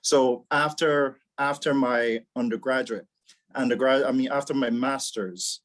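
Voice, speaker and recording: A man from Barbados, an actuary executive acting as a mentor, speaks on a casual video call panel, frequently repeating words as he thinks. His mid-range voice moves a little slowly.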